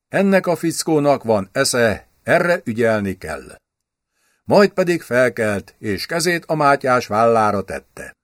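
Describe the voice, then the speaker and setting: A man narrates a historical novel for an audiobook, his medium voice rising and falling with lively shape. The recording is dry and close, with no room echo. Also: mid-range voice. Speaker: audiobook reader.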